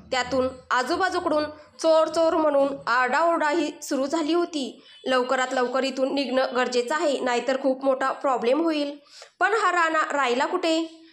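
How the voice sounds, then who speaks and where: Woman storyteller, high voice, expressive, echoey room. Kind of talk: scripted story narration. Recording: roomy echo.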